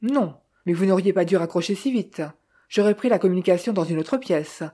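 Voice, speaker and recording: A reader voicing an angry, gruff male millionaire who speaks curtly. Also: medium pitch, expressive, a little fast, mellow, close to an everyday voice. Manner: curt, barking.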